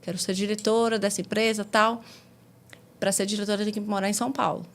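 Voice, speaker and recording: A woman in her forties from Salvador, Brazil, speaks quickly in a mid-range voice with little pitch movement and a Bahian Portuguese accent. As a guest in a casual conversation, she frankly recounts her career, using slang and the occasional swear word.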